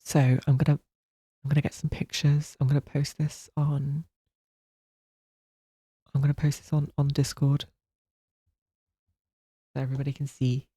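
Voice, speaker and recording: A male streamer chatting casually while carving a pumpkin, often dropping to a soft half-whisper and rambling with restarts. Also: a little high, level tone, moderate pace, long pauses, dry recording, studio quality.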